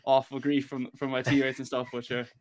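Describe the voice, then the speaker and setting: A man's voice: mid-range voice, monotone, brisk. A man from Galway with a west of Ireland accent, talking informally and rambling a little as a guest on a casual podcast. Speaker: interview guest, American football player.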